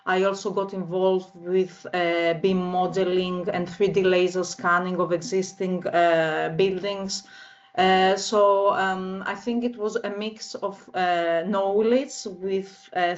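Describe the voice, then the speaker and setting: Woman, Greek accent, 30s, low-pitched, monotone, hesitant with fillers, slightly muffled recording. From northern Greece. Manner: measured and halting, frequent filler sounds. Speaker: guest. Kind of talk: interview answers.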